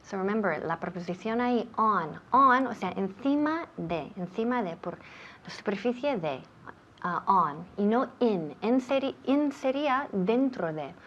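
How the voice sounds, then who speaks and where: A woman's voice: mid-range voice, expressive, measured pace, a bit bright, a little hiss or hum. A woman teacher from running a bilingual English lesson, patiently repeating words for pronunciation drills. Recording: dull lo-fi sound.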